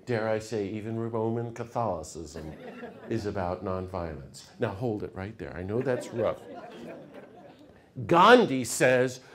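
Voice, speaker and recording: A middle-aged man giving a public lecture, telling stories with sudden swings from hushed asides to loud, fired-up passages. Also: lowish voice. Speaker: speaker.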